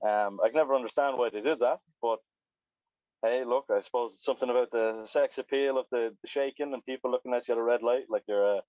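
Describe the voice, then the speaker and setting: Talking fast and with a steady tone, an Irish biker guest rambles about motorbikes on a video call, swearing and then apologizing. His medium-pitched voice is darkish. The sound is echo-free but muffled and lo-fi.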